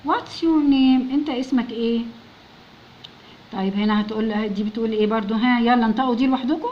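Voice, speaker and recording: A woman's voice: a little high, fairly even intonation, fast talker. A woman with an Egyptian Arabic accent teaching young children, patiently sounding out words letter by letter and coaxing them to answer. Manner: coaxing, keeps prompting pupils to answer. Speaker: English teacher. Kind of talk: recorded lesson for young children. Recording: dull lo-fi recording with faint noise.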